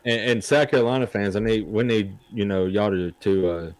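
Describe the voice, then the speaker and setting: Guy w low voice cohosting sports pod, jokey and easygoing. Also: fairly even intonation, moderate pace, no echo. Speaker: podcast co-host. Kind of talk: casual sports chat.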